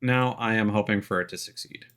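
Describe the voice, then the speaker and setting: This livestreaming man offers casual, meandering gameplay commentary, easily pulled off track and sprinkled with swearing. He has a fairly low, smooth, fairly bright voice and talks fairly quickly, with game music playing behind him.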